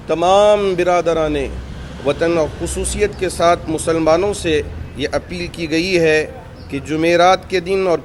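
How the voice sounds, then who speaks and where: A man, a mosque imam, reading out a formal statement point by point in measured religious diction, outdoors by a street. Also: a little high, a little hiss or hum.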